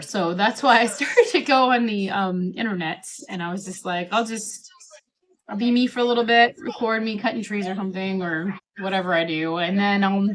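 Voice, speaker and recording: A middle-aged woman vlogger talks casually to the camera while eating a steak dinner, rambling and often quoting herself. Her voice is medium-pitched with a fairly bright tone.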